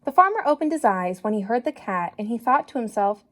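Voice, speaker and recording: This is a fairly high voice belonging to a woman who reads a story to children like a teacher. Upbeat and supportive, she breaks off at points to ask her young audience things directly.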